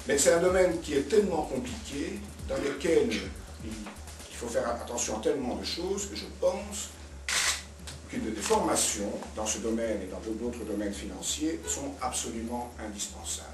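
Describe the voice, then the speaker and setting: In a round-table political debate, a guest expert speaks spontaneously at normal speed, his medium-pitched voice carrying a sing-song lilt. He walks through his points didactically, repeating words for emphasis. The recording, made with a distant mic in an echoey, spacious indoor cafeteria, has music behind it.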